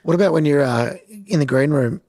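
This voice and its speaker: A man's voice: a little high, expressive, brisk, a little mellow, dry recording. A man hosting a podcast, asking curious questions with a joking, easygoing manner. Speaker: podcast host. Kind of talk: casual interview chat.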